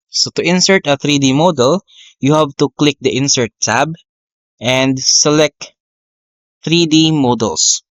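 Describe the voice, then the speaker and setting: A male teacher walking through a software tutorial step by step, often saying okay and correcting himself. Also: medium pitch, no room sound. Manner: step-by-step, frequent "okay" and "uh" fillers, self-corrections. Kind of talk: screen-recorded software tutorial. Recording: dry, dull lo-fi mic.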